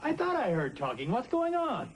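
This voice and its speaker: An actor playing a baffled, gullible middle-aged sitcom dad with an American accent, talking in a puzzled, folksy way. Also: male voice, very high voice, huge pitch swings, normal speed, exaggerated voice. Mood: suspicious, puzzled. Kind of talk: sitcom acting. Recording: noisy 1980s TV with loud studio audience.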